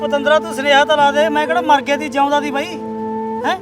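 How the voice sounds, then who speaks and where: A man's voice: very high voice, little pitch movement, quick pace, over loud music. A man playing a loyal brother who fussily consoles and coaxes his injured sibling. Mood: consoling. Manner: fussy, coaxing, keeps asking "hain?".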